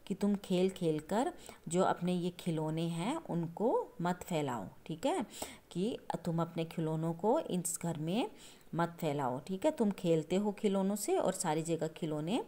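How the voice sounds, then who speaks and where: A woman with a slightly low voice teaches young children. She explains a poem line by line, going over each point again and pausing often to check they follow. Her manner stays patient and steady. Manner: patient, repetitive explaining with frequent checking asides; addresses listeners as children. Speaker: schoolteacher.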